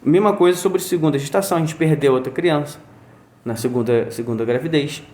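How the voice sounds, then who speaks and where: A man's voice: on the high side, brisk, mellow. A father telling a story in a casual conversation. He acts out sounds and quotes as he goes. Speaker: guest, father. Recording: roomy echo.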